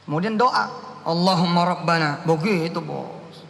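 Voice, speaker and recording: A man's voice: fairly high pitch, measured pace, creaky, a bit bright. Joking, teasing male preacher in a hall. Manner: playful, teasing, mixes slang and Quran recitation. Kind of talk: joking sermon. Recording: echoey hall, faint hiss.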